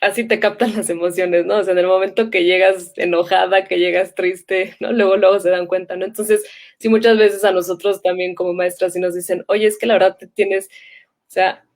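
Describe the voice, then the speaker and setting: A woman teacher in a casual conversation, animated and quick to laugh, speaking. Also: fairly low pitch. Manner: animated, laughs often, quotes people.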